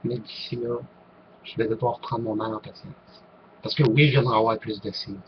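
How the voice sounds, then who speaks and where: A man's voice: lowish voice, fairly even intonation, normal speed, highs cut off, a little hiss or hum. A man with a Québécois accent answering viewer questions to camera, hesitant, with many fillers and restarts. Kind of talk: casual talk to camera.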